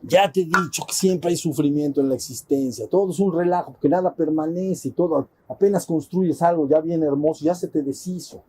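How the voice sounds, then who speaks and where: A man's voice: a little high, brisk, few pauses, darkish tone, husky. A man voicing a lazy, unbothered male god who grumbles at his wife and tells her so. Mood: grumbling refusal. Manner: teasing, grumbling, dismissive.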